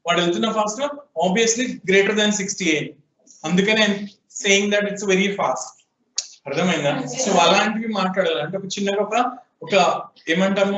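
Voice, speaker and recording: A man's voice: high-pitched, a bit bright, a little hiss or hum. Telugu-accented man lecturing in an echoey classroom. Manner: questioning students, prompting answers. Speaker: programming teacher. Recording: echoey room, distant, dull lo-fi sound.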